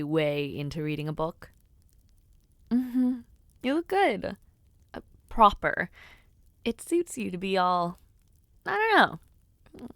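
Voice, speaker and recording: Recorded dry with no room sound, a woman with a medium-pitched voice performs an audio roleplay as a young noblewoman about to make her debut. The character teases playfully but turns a bit flustered whenever she offers compliments.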